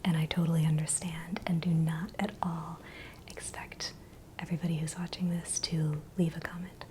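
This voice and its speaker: A woman giving a gentle, encouraging, unscripted ASMR pep talk in a breathy, unvoiced whisper. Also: low voice, little pitch movement, normal speed. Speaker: ASMR channel host. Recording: clear background noise, ambient hiss.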